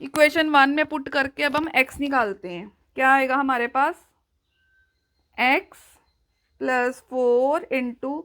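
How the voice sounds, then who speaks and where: A woman with a high voice walks through a math problem. She dictates every step slowly and deliberately, like a teacher taking a class through the working. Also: bright, forceful tone, poor audio.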